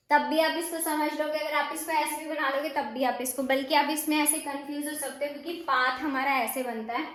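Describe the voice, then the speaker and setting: High voiced woman teacher, keeps asking "what do we do" then answers, roomy echo. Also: fairly bright tone. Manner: repeats rhetorical questions to students. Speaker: steno teacher. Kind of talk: casual classroom explanation. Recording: echoey room.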